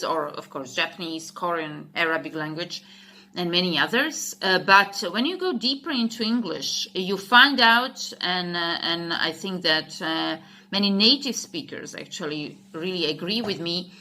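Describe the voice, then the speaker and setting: A native Slovak speaker with a Slovak accent, working as an English teacher, talks casually to the camera in a lowish, animated voice with a sharp tone. She halts and restarts as she searches for words.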